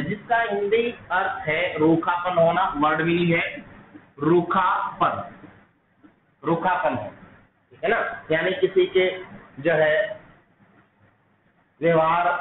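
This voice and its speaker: A man teaching an exam-prep vocabulary lesson, repeating each word and quizzing his students with quick questions. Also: high voice, slight background noise. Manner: repetitive, drills words with quiz-like questions. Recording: echoey room over a tinny phone-like line.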